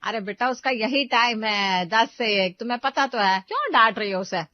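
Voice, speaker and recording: Brief: a woman playing a grumbling elderly mother-in-law, high and a bit loud, dry dull track. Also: expressive, normal speed, no echo, close to an everyday voice. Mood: chiding. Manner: chiding, complaining.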